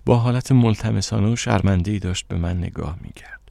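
A male narrator reading a first-person novel in a steady, measured way. His voice is very deep and gravelly, recorded dry and close with no room around it. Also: dry recording. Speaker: audiobook narrator.

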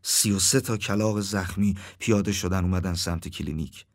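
Deadpan male storyteller. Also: sits low. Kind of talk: first-person story reading.

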